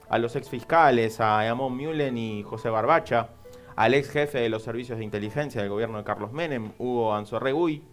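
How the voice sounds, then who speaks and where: Reflective man hosting. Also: mid-range voice. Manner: measured, reflective, with fillers and restarts. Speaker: program host. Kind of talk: commentary on a news program.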